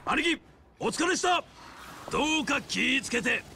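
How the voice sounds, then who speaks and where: A man playing a brash, hot-tempered yakuza boss in a video game, blustering in rough Hiroshima gangster speech. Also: extremely high pitch, big pitch swings, moderate pace, noisy background, exaggerated voice. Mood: eager, respectful. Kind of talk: video game drama acting.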